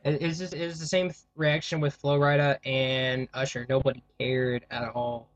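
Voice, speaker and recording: A man's voice: mid-range voice, little pitch movement, highs cut off. A man co-hosting a podcast in casual chat, often stopping and restarting his sentences. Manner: halting, many restarts. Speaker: podcast co-host.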